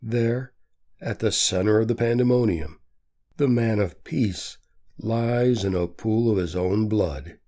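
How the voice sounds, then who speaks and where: A man reading a story aloud as an audiobook narrator, in a measured, steady manner. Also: lowish voice. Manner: slow, measured reading with quietly voiced quotes. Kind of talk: scripted narration.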